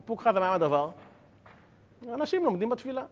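On a muffled-sounding lo-fi recording, a man teaching Torah talks with a slightly high, animated voice. He's playful with his audience, cracking jokes and throwing out rhetorical questions.

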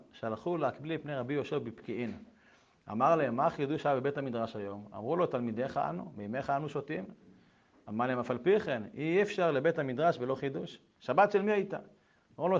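A middle-aged man giving a lively Torah lesson, moving between reading old texts aloud and telling personal stories. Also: mid-range voice, gravelly. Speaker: Torah lecturer. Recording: dull lo-fi recording.

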